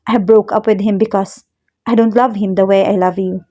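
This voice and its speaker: A woman's voice: medium pitch, steady tone, normal speed, mellow, lightly acted. A woman voicing a tearful young ex-girlfriend who begs to be forgiven. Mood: pleading. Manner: begging, sobbing.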